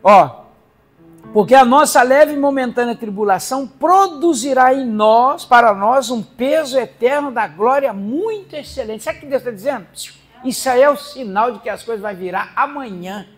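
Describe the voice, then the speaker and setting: A woman with a Brazilian accent preaching a sermon in a church service, animated, laughing as she speaks and acting out the voices she quotes. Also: on the high side, normal speed, slightly rough, soft background music.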